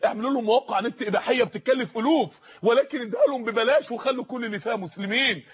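A man's voice: very high-pitched, rapid-fire, breathy edge, dull audio. A man with an Egyptian accent preaching an impassioned sermon, hammering his points through repetition.

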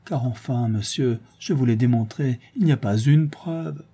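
Guy doing a desperate mom pleading for her kid, high and cracking, husky dark tone. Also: normal speed. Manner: pleading, indignant, breaking into cries. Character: desperate middle-aged mother defending her accused son.

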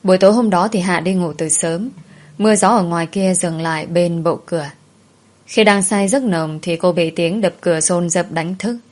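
Woman, storytelling, low voice, steady narration. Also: normal speed. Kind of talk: scripted narration.

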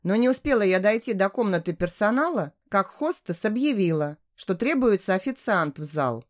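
Expressive female narrator for a first-person story, animated in pitch. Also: normal speed.

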